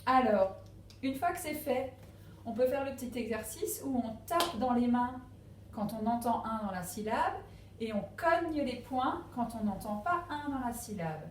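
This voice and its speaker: A woman teaching a phonics lesson to young children at a distance, speaking slowly and patiently and stressing each syllable. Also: on the high side, expressive, reverberant, a little hiss or hum. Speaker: primary school teacher. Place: classroom with a board.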